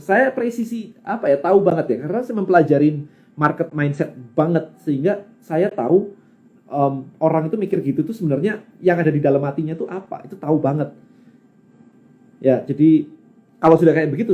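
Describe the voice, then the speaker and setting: A man with an Indonesian accent, answering questions in a casual live-stream Q&A as a business coach, animated and rhetorical, mixing in English words. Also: fairly high pitch, a little fast, highs cut off, soft background music.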